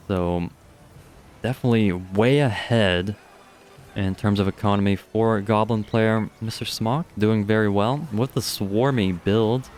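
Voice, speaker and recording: A young man with a deep, slightly mellow voice does casual, chatty live commentary on a strategy game match, swearing offhandedly. He's speaking into a studio dynamic microphone.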